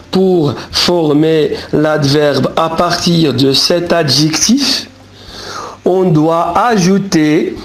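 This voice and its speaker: A man teaching a French grammar lesson, spelling out word endings letter by letter and pausing to correct himself. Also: fairly high pitch. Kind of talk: grammar lesson explaining rules.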